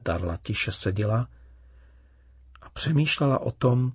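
Husky male storyteller. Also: mid-range voice, no echo. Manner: calm, even storytelling. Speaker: narrator.

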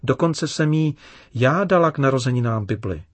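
A man voicing an upset young girl in a children's story, read with gentle emphasis. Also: medium pitch, animated, no room sound, lightly acted. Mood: pleading.

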